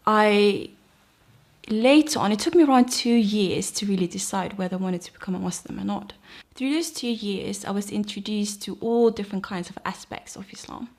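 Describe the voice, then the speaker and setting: Speaking at medium pitch with a darkish tone, this young woman from Denmark earnestly recounts her own conversion, her Danish accent clear as she reflects.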